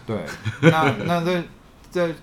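A man's voice: on the low side, lively intonation, fast, slight background noise. A man with a Taiwanese Mandarin accent chatting casually and candidly, often repeating phrases as he thinks aloud. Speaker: podcast panelist. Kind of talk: casual chat.

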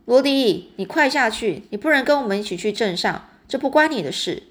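A woman's voice: fairly high pitch, lively intonation, a little fast, a bit bright. A woman reading aloud and voicing an eager, impatient young boy in a storybook.

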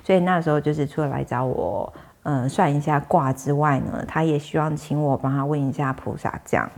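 Chatty woman medium with a lowish voice. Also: brisk, vocal fry, darkish tone. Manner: conversational, chatty, with frequent fillers. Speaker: fortune teller and spirit medium. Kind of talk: storytelling monologue to viewers.

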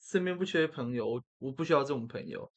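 Quick, blunt Taiwanese co-host. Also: male voice, mid-range voice, animated. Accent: Taiwanese Mandarin. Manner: frank and blunt, lots of short back-channel replies. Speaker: podcast co-host. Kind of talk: casual chat.

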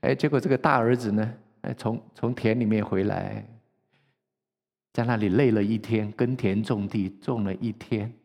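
A man preaching a sermon as pastor, who tells the story in a lively way and acts out its characters in a church sanctuary. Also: fairly low pitch, moderate pace, vocal fry. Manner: animated, acts out the story, laughs. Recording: long church reverb.

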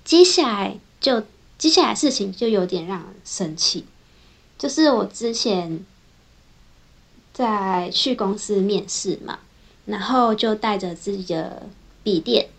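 A young woman engineer, telling her own workplace stories in a casual, chatty vlog, linking her thoughts with a steady run of "and then". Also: mid-range voice, a little slow, creaky. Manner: chatty, strings thoughts together with frequent "then". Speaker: software engineer. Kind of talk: casual personal vlog storytelling.

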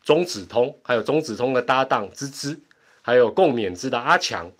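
Man, Taiwanese accent, middle-aged, livestream host, casual chat, husky, mid-pitched, laughs a lot. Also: expressive, normal speed. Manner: chatty, laughs often, rambling asides. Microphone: home internet setup.

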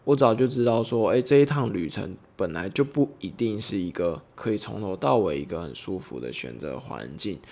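Gentle storytelling man. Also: lowish voice, expressive, gravelly. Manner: gentle, reflective, unhurried storytelling. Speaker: podcast host. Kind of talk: personal storytelling podcast.

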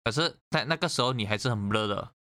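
A man casually telling an animated story in conversation, swearing freely. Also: medium pitch, quick pace, no echo, studio quality. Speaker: guest sharing a story. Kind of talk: casual chat.

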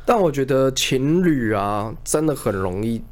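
A man speaking explains his thoughts on a casual podcast. He sits at a mid pitch, but his intonation swings widely up and down. He talks in a reflective way and often stops and restarts his sentences. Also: lively intonation, unhurried, a little mellow. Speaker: podcast co-host. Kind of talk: casual chat.

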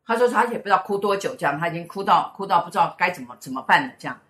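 A middle-aged mother with a Taiwanese Mandarin accent hosts a casual chat, telling a story at a rapid-fire pace. She's an animated storyteller who acts out the lines of the people involved. Her voice is fairly low, and the recording is reverberant.

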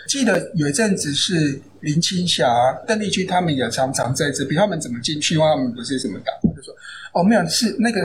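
A man with a Taiwanese Mandarin accent, an author guest on a podcast, chatty and anecdotal with many fillers. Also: a little high. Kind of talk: casual podcast interview. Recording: noisy background.

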